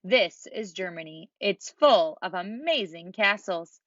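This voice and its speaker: A woman's voice: fairly low pitch, animated, measured pace, no room sound. A woman voicing Santa Claus as a jolly older man and kindly guide, explaining places cheerfully in a dull, dry, lo-fi recording. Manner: warm, explaining, gently cheerful.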